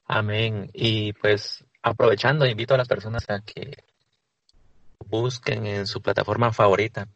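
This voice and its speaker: A man hosting an interview who asks questions in a measured, formal way. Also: lowish voice, fairly even intonation, vocal fry, a bit bright, dry recording, highs cut off. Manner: measured and formal, says amen.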